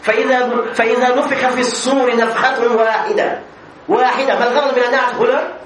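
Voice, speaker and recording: A man's voice: extremely high pitch, steady tone, brisk, fairly bright tone. A man teaching an Arabic grammar class as a sheikh, asking questions, answering them himself and repeating example phrases. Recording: echoey room with faint background noise.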